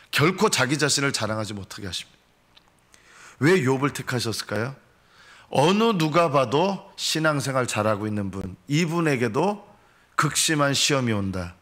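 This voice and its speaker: A man preaching a dawn sermon in a church sanctuary, his voice at an ordinary middle pitch. He climbs high and loud when he acts out complaining prayers, then sinks low and soft for solemn points. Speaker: pastor.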